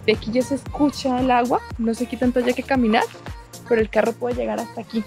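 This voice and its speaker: A woman's voice: on the high side, flat delivery, quick pace, creaky, a little mellow. A young woman, chatting outdoors as she tours a town and explains a grammar point to viewers. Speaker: Spanish teacher and travel vlogger. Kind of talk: travel vlog with language tips. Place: outdoors in a small town and countryside. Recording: music playing behind the voice.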